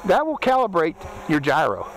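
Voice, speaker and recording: A middle-aged drone reviewer with a Pittsburgh accent, who also hosts the channel, chats step by step through a hands-on product review. He speaks at a normal speed in a slightly high voice with huge pitch swings. The setting is a windy desert canyon, and a body-worn hat camera records noisy action-camera audio.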